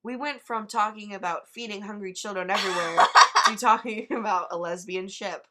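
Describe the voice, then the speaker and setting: A teenage girl co-hosting a casual podcast chat, loud, blunt and teasing. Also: medium pitch, a little fast. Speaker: podcast co-host.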